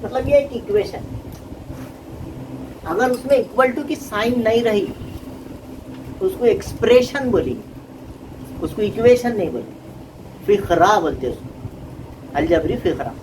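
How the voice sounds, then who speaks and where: A man's voice: sits high, lively intonation, unhurried, pauses often, a little mellow. Guy teaching math to a class, keeps asking questions, far from mic, street noise. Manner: explains patiently, often asking the class questions. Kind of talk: classroom lesson. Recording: distant mic with traffic noise.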